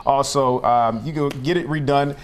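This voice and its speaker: A man in his thirties, a barber guest on a TV studio set, talking in a relaxed way with lots of "yeah, yeah" and "for sure". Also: medium pitch, normal speed, clear, resonant tone. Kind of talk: casual TV interview.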